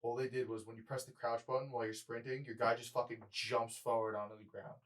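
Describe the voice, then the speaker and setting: A man's voice: mid-range voice, little pitch movement, quick pace, slight background noise, low-quality recording. Rambling, profane man in his twenties. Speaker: podcast co-host. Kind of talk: casual chat.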